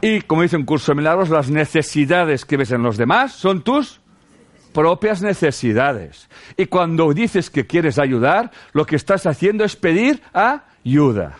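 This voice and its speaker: A man from Spain with a Castilian accent leads a relaxed spiritual talk before a group. His pitch swings lively up and down as he pushes rhetorical questions and salty slang. He keeps addressing his listeners affectionately as sweethearts. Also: a little slow. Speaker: spiritual teacher.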